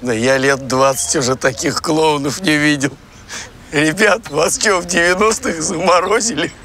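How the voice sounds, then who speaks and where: A man's voice: on the high side, moderate pace, bright, forceful tone. An actor playing a sardonic middle-aged businessman, dry and dismissive. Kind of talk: screen comedy-drama acting. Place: outdoors in woods.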